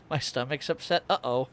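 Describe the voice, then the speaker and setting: A young man chatting casually on a live stream, playful and fond of toying with his voice, with the hiccups. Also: a little high. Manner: playful, plays with his voice and octaves.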